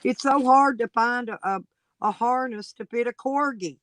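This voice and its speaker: A man's voice: very high voice, normal speed, fairly bright tone, no echo, low-quality recording. A man hosting a casual livestream, rambling and coaxing viewers to come on and chat. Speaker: livestream host.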